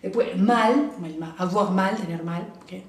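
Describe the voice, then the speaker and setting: A woman gives a French lesson to her viewers. She models each French word slowly and carefully and keeps checking that they follow. Her voice sits at a middle pitch, and the room adds a clear echo. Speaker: French teacher. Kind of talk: explaining grammar to the camera. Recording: echoey room.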